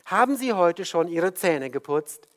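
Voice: mid-range voice, animated, a little slow, close to an everyday voice. Ein junges Mädchen in einer Predigtgeschichte, vom Prediger gesprochen, ehrlich und direkt. Sie stellt ihre Fragen ohne Umschweife, in lebhafter Melodie. So klingt eine kindlich offene Art. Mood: earnest. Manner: earnest, direct questions. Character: frank, warm-hearted young girl asking blunt questions.

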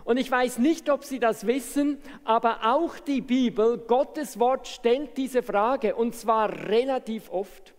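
A man's voice: extremely high pitch, slow, few pauses. A man preaching an impassioned evening sermon who raises his voice to make his points. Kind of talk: evangelistic sermon. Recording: reverberant hall.

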